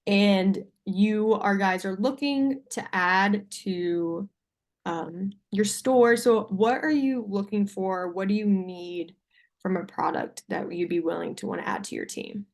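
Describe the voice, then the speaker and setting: A woman's voice: mid-range voice, slow pace. A young adult woman giving a sales presentation on a video call in an informal, somewhat hesitant way. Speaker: salesperson pitching to a buyer. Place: video call with screen sharing.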